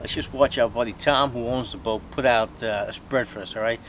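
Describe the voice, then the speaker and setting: Middle-aged guy hosting a fishing vlog out on a boat, jokey and chatty, clear wind and engine noise behind. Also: medium pitch, steady tone, fairly quick, fairly bright tone. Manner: jokey, chatty, says "all right?" often. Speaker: fishing show host. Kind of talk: casual vlog narration. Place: outdoors on a boat at sea.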